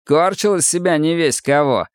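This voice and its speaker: A man's voice: a little high, normal speed, clean tone, no echo, clean studio sound, voice pushed up, natural voice. A man voicing a swaggering young male army bully who barks coarse, contemptuous slang.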